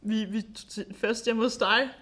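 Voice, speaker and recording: En ung kvinde, der fortæller livligt i en afslappet podcastsnak og ofte griner. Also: female voice, a little high. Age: young adult. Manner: lively storyteller, laughs often. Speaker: podcast co-host. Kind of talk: casual chat.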